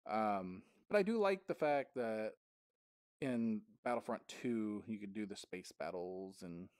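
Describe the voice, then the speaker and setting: A man's voice: fairly low pitch, lively intonation, unhurried, darkish tone, clean tone, no echo, studio quality. A man casually rambling through gaming stories, often laughing mid-sentence. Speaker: gaming vlogger.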